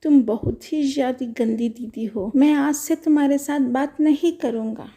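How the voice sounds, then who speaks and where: A woman's voice: high-pitched, unhurried, dark tone. A woman voicing a sulky little boy with a childish lisp, stubbornly refusing to talk to his sister in a doll-show story. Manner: pouting, stubborn. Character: small boy, sulky and hurt with big sister.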